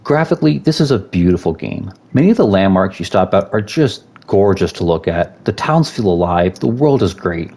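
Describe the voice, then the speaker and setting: Lively man reviewing a video game. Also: sits low, normal speed, hardly any pauses. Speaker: parent co-reviewing a game with his son.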